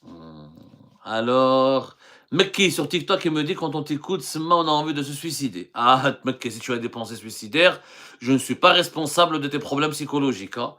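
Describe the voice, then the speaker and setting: This Algerian journalist, a middle-aged man, fields questions from viewers on his live stream with earnest intent, though he frequently stumbles and starts over. He speaks at a normal speed in a mid-range voice that is expressive, bright, and forceful.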